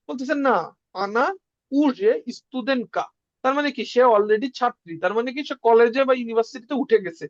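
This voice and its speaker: A woman's voice: fairly high pitch, no room sound. A woman teaching a beginner language lesson, repeating sounds one by one and quizzing the listener on word meanings. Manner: drills sounds with repetition and quizzing questions. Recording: dry, muffled lo-fi sound.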